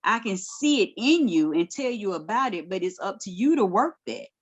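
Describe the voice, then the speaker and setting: A woman's voice: medium pitch, sing-song, moderate pace, lo-fi sound. A middle-aged woman, a guest minister, giving direct, colloquial life advice in a casual podcast chat.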